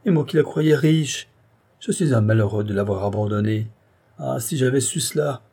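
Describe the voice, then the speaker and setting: A man's voice: fairly low pitch, a little fast, vocal fry, mellow, breathy edge. A man voicing a simple-hearted young village man, plaintive, earnest and tearful. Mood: grieving.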